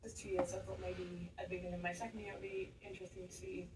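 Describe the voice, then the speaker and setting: A woman's voice: fairly low pitch, little pitch movement, racing, a little mellow. An eighteen-year-old woman, chatting casually and jokingly in a vlog. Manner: chatty, jokey. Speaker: vlogger. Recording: echoey room, distant mic, faint noise.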